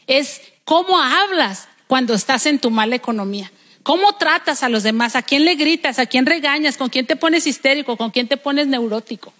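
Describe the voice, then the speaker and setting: Female preacher, Mexican accent, high voice, a lively storyteller with reverb from the hall. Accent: Mexican Spanish. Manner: storytelling, acts out quoted voices. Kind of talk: sermon. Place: church hall.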